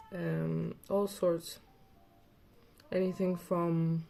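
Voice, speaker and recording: Slow, mellow woman with a lisp. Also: fairly low pitch. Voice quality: slight lisp. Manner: rambling, chatty, with many fillers. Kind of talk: casual chat.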